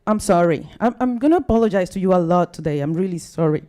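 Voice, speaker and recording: A young Mexican woman who speaks English as a second language, with a Spanish accent, gives a casual, self-deprecating talk as a guest speaker at a science talk night. Her mellow, lowish voice sounds tired yet expressive, and she talks fast, chatting and apologizing with plenty of fillers and restarts. She's in a bar or event room in front of a live audience.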